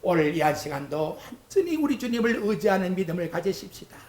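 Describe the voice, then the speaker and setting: Animated pastor in an echoey church. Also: mid-range voice, a little fast. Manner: fervent preaching, acts out prayers and quotes. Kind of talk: sermon. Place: church sanctuary.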